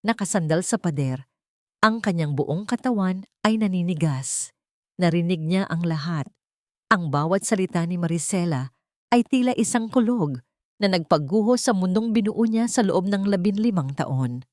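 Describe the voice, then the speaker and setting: A woman with a Filipino accent narrates a scripted dramatic story in a lowish, slightly mellow voice. The recording is studio quality, with no room sound.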